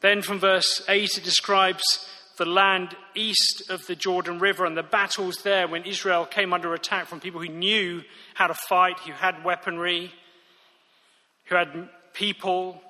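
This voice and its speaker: Bright-voiced man preaching in a reverberant hall. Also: high-pitched, little pitch movement, unhurried. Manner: earnest, emphatic, repeats key phrases. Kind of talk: sermon.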